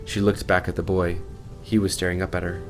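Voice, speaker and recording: A man's voice: low voice, little pitch movement, fairly quick, music in the background. A man reading his own fantasy novel aloud in a dramatic narration style. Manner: dramatic, swelling on violent moments. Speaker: author narrator.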